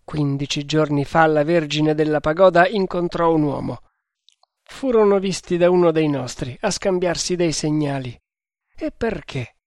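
A man voicing a grim, fanatical male cult sentinel who speaks loudly and solemnly. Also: fairly high pitch, normal speed, dry recording, studio quality, lightly acted. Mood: solemn menacing.

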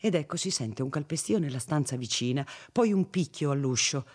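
A man narrating a classic novel in a measured, expressive reading voice. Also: fairly high pitch. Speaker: audiobook narrator. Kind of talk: literary reading.

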